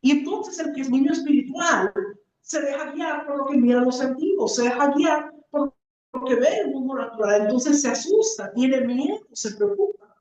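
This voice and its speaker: A woman preacher giving an earnest teaching sermon, often pausing on rhetorical questions. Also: high voice, darkish tone. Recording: echoey, distant, dull room recording.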